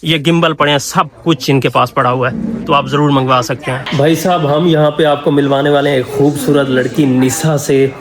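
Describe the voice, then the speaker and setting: A young man vlogging casually from inside an indoor trade center, pitching gadgets with eager, salesman-like enthusiasm. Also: fairly even intonation, moderate pace, noisy background. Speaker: travel vlogger. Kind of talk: casual promotional walkthrough.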